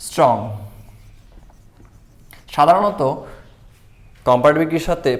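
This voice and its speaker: A male teacher walks through a grammar lesson at a quick clip. He repeats key points and answers his own questions as he goes. His voice sits at an ordinary pitch. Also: gravelly. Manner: repetitive explaining, asks and answers own questions.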